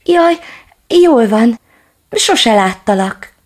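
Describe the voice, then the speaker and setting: A woman voicing a small, scrappy, frightened puppy in a storybook reading, with a husky, gravelly voice. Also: fairly high pitch, expressive, pitched above the performer's own voice.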